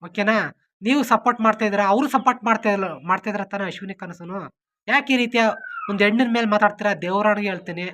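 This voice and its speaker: A woman's voice: mid-range voice, pushed and bright. A woman YouTuber making an earnest, pleading appeal to her viewers, and she keeps checking in with "okay?" as she talks.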